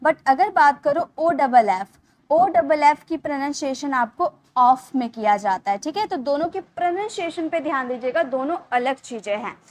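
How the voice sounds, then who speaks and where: A woman's voice: sits high, lively intonation, normal speed. A woman giving an online English grammar lesson, patiently explaining and checking in often with her class. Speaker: English teacher.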